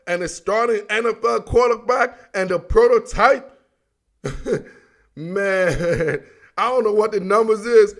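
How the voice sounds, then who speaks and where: A man from Africa hosting a sports podcast, talking casually and animatedly in slang and laughing often. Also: high voice.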